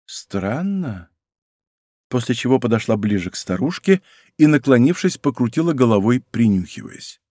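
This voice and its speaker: Male audiobook narrator, first person; animated, wry delivery, close dry mic. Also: mid-range voice, brisk, no room sound.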